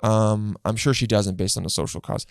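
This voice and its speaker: A man's voice: fairly low pitch, steady tone, moderate pace, gravelly, dry recording, studio quality. A young man co-hosting a casual dating podcast, blunt and candid with lots of fillers. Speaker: podcast co-host.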